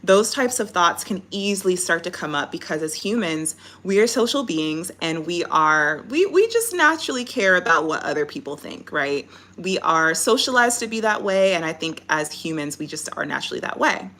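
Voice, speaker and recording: A woman with a slightly low voice gives a live coaching talk to an online audience. She has the instructive, encouraging delivery of a life coach, explaining points conversationally and checking that listeners follow. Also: very animated, moderate pace, few pauses, fairly bright tone.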